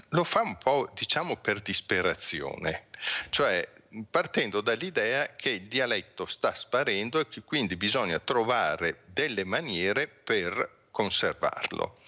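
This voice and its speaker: A male linguistics professor, a guest on a morning television show, giving a measured, explanatory commentary full of reasoned asides. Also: lowish voice, sharp tone, muffled recording.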